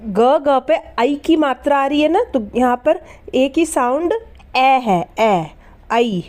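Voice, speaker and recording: A woman's voice: high-pitched, expressive, takes it slowly, a little mellow. A woman teaching English letter sounds in a lesson, spelling words out letter by letter and asking questions that she answers herself. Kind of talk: phonics lesson.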